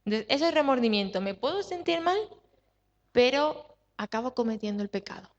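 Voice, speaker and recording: A woman's voice: fairly high pitch, expressive, brisk. A woman pastor with a Spanish accent from Spain preaching a sermon, stressing points with repetition and questions to the congregation. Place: church hall. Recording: dull sound with long hall reverb.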